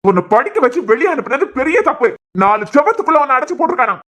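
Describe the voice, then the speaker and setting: A cartoon villain, a jealous young man who hisses threats and taunts, voiced by a woman. The Kanyakumari Tamil accent comes through in quick, lively lines that rise and fall a lot. The voice sits a little high for a man. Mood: menacing. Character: menacing young man, vengeful jealous suitor. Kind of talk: cartoon series dubbing.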